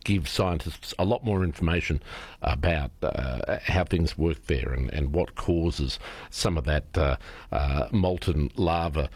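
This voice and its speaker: A middle-aged man with an Australian accent hosts a radio show from the studio. His voice sits very low, and the sound is dry and close. He talks in a loose, halting way, full of "uh" fillers. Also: darkish tone, husky, no room sound. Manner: hesitant, many "uh" fillers. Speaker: radio presenter. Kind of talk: casual radio presenting.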